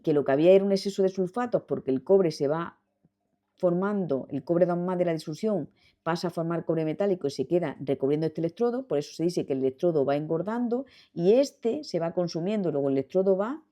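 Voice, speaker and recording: A woman's voice: fairly low pitch, lively intonation, brisk, dark tone. A woman teaching chemistry in a video lesson with a Spanish accent, explaining step by step, repeating key points and checking in with her students. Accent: Spanish from Spain. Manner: patient, repetitive, checks in with students.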